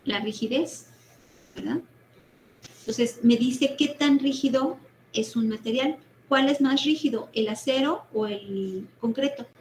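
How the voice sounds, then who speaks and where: A woman's voice: sits high, unhurried, a little mellow, slight background noise, rough recording. A woman giving an online engineering lecture over a video call, explaining step by step and checking in with frequent tag questions and fillers. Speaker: university lecturer.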